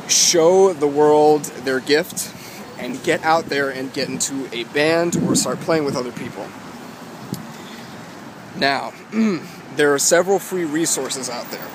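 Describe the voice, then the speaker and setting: A guitar vlogger in his twenties walks along a city street, giving casual advice in a halting, emphatic way with a fairly high-pitched voice. He records on a phone held at arm's length with wired earbuds in. Loud wind, traffic and urban noise hit the phone mic.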